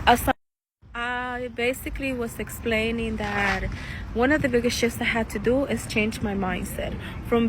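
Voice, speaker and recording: Earnest chatty woman, outdoor street noise. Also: on the high side. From El Salvador. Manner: chatty and earnest, with frequent laughs and restarts. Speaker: tarot reader and life coach. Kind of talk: casual talking-to-camera vlog. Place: outdoors in a city park. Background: passing cars and city noise.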